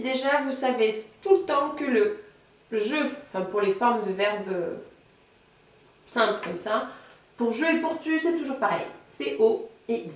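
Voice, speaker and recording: A woman teaching a beginner language lesson, patiently explaining and slowing down to model each word. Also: fairly high pitch, heavy reverb, distant mic. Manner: patient explaining, slows down to model Italian words. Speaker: Italian teacher.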